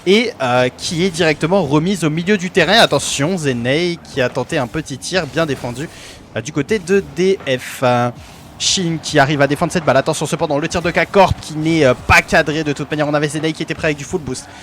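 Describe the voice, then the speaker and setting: Man, amateur game caster, hesitant with fillers, slightly high voice, faint background noise. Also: fairly quick, a bit bright. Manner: hesitant, many fillers, self-corrections. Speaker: esports caster for his team. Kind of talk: amateur play-by-play commentary.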